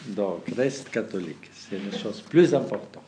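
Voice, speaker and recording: Slow-talking bishop. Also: male voice, on the low side, animated, background noise. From Kazakhstan. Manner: halting, many restarts and fillers, laughs at own anecdotes. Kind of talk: talk to the faithful.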